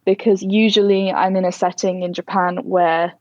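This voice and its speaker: A woman's voice: mid-range voice, level tone, normal speed, darkish tone, no room sound, dull audio. A young woman from Durham with a posh English accent and northern short A's, chatting reflectively in casual conversation as an interview guest. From Durham, northern England. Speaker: interview guest, Oxford student.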